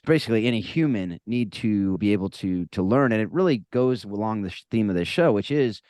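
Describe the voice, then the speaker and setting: A man's voice: fairly low pitch, a little mellow, no echo, clean studio sound. A man hosting a podcast, talking casually with many restarts and asides. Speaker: podcast host. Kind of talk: casual interview chat.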